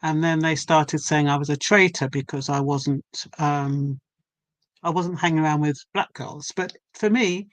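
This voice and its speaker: In a relaxed conversation, a poet and author from England in her seventies reflects on her stories at a measured pace. She speaks low and steady, with no room sound in the recording.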